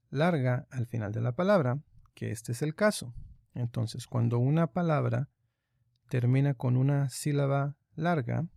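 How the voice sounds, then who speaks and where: A man teaching an online lesson, explaining grammar rules patiently and step by step, pausing often with fillers. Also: medium pitch, vocal fry, warm tone, dry recording, clean studio sound. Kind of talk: online lesson on Greek accents.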